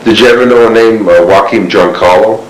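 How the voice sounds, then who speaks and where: A man's voice: on the low side, fairly even intonation, brisk. A man conducting an interview on an old cassette tape, asking probing follow-up questions. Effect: old cassette tape recording. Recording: hissy echoey cassette tape.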